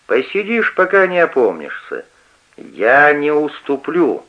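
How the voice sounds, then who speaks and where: A man's voice: a little high, huge pitch swings, measured pace, pitched above the performer's own voice, heavily acted. A man voicing a stern, domineering old father who barks orders, on a dull lo-fi radio recording. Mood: commanding. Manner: barking orders.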